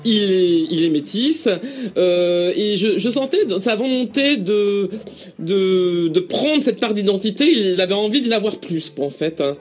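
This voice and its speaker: A woman's voice: medium pitch, animated, measured pace. A woman with a Parisian accent, a guest talking hesitantly with frequent restarts in a radio interview. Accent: Parisian French. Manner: hesitant, with many restarts and fillers. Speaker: guest, founder of a collective.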